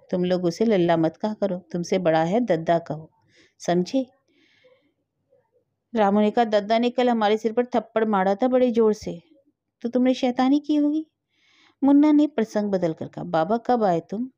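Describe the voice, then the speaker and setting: A woman's voice: mid-range voice, mellow, no echo, lo-fi sound. A woman narrating a sentimental family story and reading all the parts herself.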